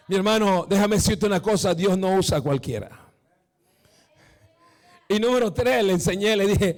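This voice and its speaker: A man preaching a sermon as a pastor. He keeps asking "¿verdad?", calls the crowd "mi hermano" and builds up to shouting. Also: high-pitched. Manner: emphatic, peppered with "¿verdad?" and "mi hermano".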